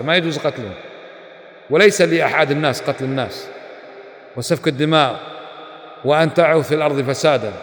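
A man gives a religious lesson, speaking emphatically and firing rhetorical questions at his listeners. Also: a little high. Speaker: Islamic scholar teaching a class. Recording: echoey hall with long reverb.

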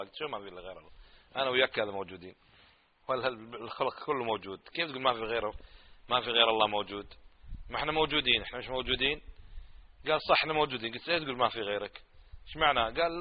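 A man's voice: medium pitch, big-room sound, highs cut off. A male preacher, giving a religious lecture and arguing with a run of mocking rhetorical questions.

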